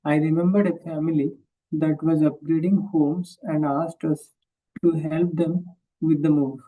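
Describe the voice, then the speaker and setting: Book reader; slow and mellow, halting, rereads lines. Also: mid-range voice, fairly even intonation, recorded from a distance, rough recording. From India. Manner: halting, rereads and repeats phrases. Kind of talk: reading a book aloud and discussing it.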